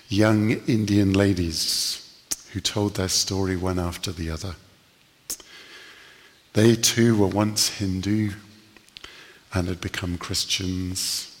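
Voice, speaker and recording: A man preaching a sermon, telling stories earnestly with slow, emphatic pauses. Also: low voice, big-room sound.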